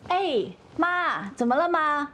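An actress playing a weary, practical young wife who answers tersely. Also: female voice, sits high, expressive, slow pace, fairly bright tone, a little hiss or hum, heavily acted. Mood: cooing. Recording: music bed under the dialogue.

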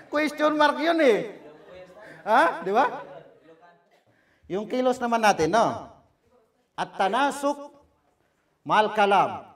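Filipino man lecturing, far from mic. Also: sits high. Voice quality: swings from loud to soft, mimics bad delivery. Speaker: Islamic speaking lecturer. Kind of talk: lecture on public speaking. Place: cultural center hall.

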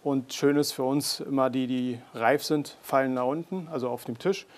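Speaking in a mid-range voice, this young adult chef demonstrates a dish one step at a time, relaxed and plain, often pausing on fillers. He wears a lapel mic, and the clip spans garden, greenhouse and restaurant kitchen while kitchen clatter and a sizzling pan sound in the background.

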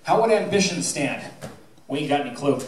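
Brisk and lively in intonation, this middle-aged American man, a high school theatre director, announces awards to an audience from an indoor school stage with folksy, wry teasing. His somewhat high voice rings through an echoey auditorium via a handheld PA mic, recorded by a distant camera with audience noise.

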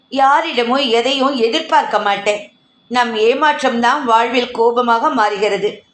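A woman voicing a calm, wise old grandmother. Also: a little high. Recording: echoey room.

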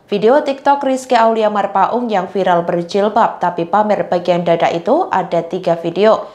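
A woman narrating a news report in an even, formal scripted delivery. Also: medium pitch.

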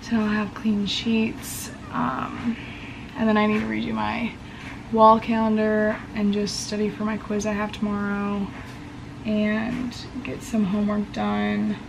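A young adult woman with a hoarse voice that is giving out, chatting casually as a college student vlogger. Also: mid-range voice, monotone, unhurried, background noise. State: losing her voice after screaming. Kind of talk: casual vlog chat. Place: small bedroom, indoors. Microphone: camera at about arm's length.

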